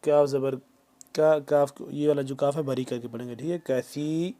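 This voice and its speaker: A man teaching Quran recitation, drawing each verse out slowly, then explaining pronunciation rules in quick plain speech. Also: medium pitch, fairly even intonation, mellow. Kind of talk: tajweed lesson, slow word-by-word recitation.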